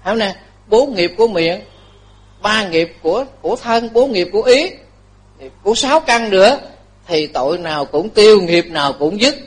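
A man, a Buddhist monk, giving a lively dharma talk to lay followers, joking often and repeating his phrases. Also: sits high, moderate pace, husky.

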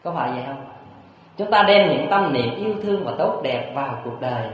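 A man preaching a Buddhist sermon, animated and storytelling, with frequent rhetorical questions to his listeners. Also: fairly high pitch, a little fast. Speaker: Buddhist monk. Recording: echoey hall, dull lo-fi sound.

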